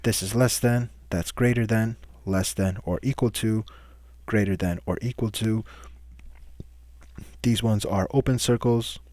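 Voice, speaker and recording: A man with a somewhat low voice teaching math in a recorded lesson. He talks patiently step by step, posing questions to the class and answering them himself. The sound is dry and close, with no room around it. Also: steady tone, a little slow, a little mellow, dry recording.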